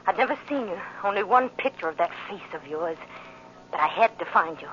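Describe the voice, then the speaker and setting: A woman with a fairly low, fairly bright voice talks a little fast with lively intonation, portraying a bitter, haunted young widow bent on revenge in 1940s radio drama. Her performance is intense and dramatic, with phrases repeated obsessively, and the old radio recording is muffled and noisy.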